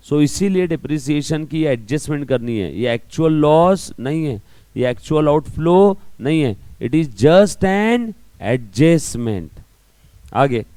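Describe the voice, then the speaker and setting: Male teacher, accounting lecture, lots of comprehension checks, fairly high voice, dry sound. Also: mellow, no room sound. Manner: keeps checking understanding with questions to students; explains through everyday analogies. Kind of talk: classroom lecture mixing Hindi and English.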